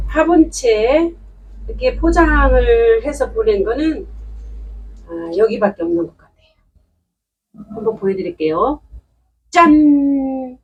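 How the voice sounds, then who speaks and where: A woman's voice: fairly high pitch, a little mellow, distant mic, slight background noise, rough recording. A woman unboxing succulent plants at home in a chatty, delighted way, exclaiming often. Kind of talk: casual unboxing commentary. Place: indoors at home.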